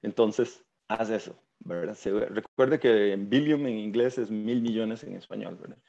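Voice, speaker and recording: A man with a Costa Rican accent lectures in a relaxed, chatty way, with a low, gravelly, mellow voice. He keeps checking in with listeners through tag questions. The sound is dull and lo-fi, like an online talk. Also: unhurried. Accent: Costa Rican Spanish. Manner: tags sentences with "verdad?", many "este" fillers. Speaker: guest lecturer. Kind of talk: informal science lecture.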